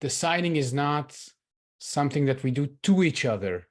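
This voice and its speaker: A man from Israel, taking part in an online group discussion as a workshop participant, shares something personal over a video call. His voice is fairly high and expressive at a normal speed, earnest and reflective, and he grows emphatic on his key points.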